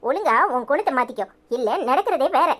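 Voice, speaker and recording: A woman's voice: high-pitched, animated, quick pace, a little hiss or hum. A woman voicing an outspoken village woman in a cartoon who lectures indignantly, with a Tirunelveli Tamil accent. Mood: scolding. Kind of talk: cartoon voice acting.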